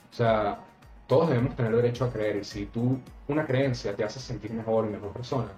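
A man's voice: mid-range voice, brisk, a little mellow. A man hosting a casual podcast, talking bluntly and emphatically and swearing freely. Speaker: podcast host. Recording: roomy, slightly dull, faint music.

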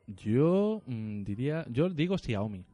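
A man co-hosting a podcast in a relaxed, agreeable way. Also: mid-range voice, slow pace, dry recording. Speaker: podcast co-host. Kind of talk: casual podcast chat. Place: home, over a Skype call.

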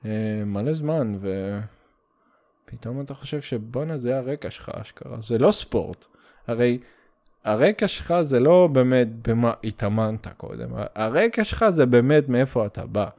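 A man's voice: medium pitch, a little mellow. A man from the Soviet Union with a Russian accent, hosting a casual solo podcast in a blunt, sweary, rambling way with English slang mixed in. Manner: rambling, stop-start delivery. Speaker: podcast host.

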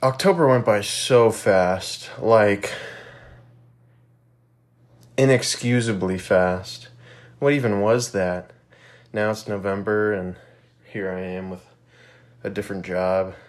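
A man's voice: on the low side, steady tone, takes it slowly, pauses often. A young man hosting his own podcast alone, rambling and reflective with many fillers and casual swearing, a little out of breath and with a stuffy nose. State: slightly out of breath. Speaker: podcast host. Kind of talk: casual solo podcast monologue.

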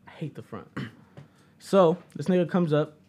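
A young man casually telling a story among friends, animated and slangy, laughing as he goes. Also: on the high side, moderate pace, breathy edge.

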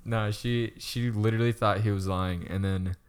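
A man's voice: fairly low pitch, fairly even intonation, moderate pace, smooth. A young man co-hosting a casual chat, rambling with lots of stammered restarts and frequent laughter. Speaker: podcast co-host.

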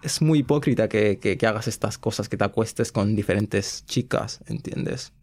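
Young male podcast host, low voice, earnest and relaxed, slangy casual chat. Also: normal speed. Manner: earnest, laid-back slang, frequent "¿sabes?" and English fillers.

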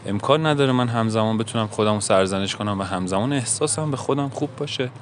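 A man's voice: lowish voice, slight background noise. A man speaking in a reflective monologue, earnest and musing, often asking himself questions. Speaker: self-help podcaster.

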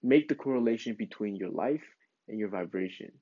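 Guy with a lowish voice doing a loose rambly spiritual pep talk, encouraging, kinda dull lo-fi audio. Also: lively intonation, fairly quick, dry recording. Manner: informal, encouraging, rambling asides. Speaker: self-help vlog host. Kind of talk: casual motivational spiritual talk. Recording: dull lo-fi sound.

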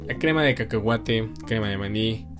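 A man hosting a casual solo podcast in Spanglish, dropping roughly pronounced English words into his Spanish. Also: fairly low pitch, normal speed, soft background music. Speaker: podcast host.

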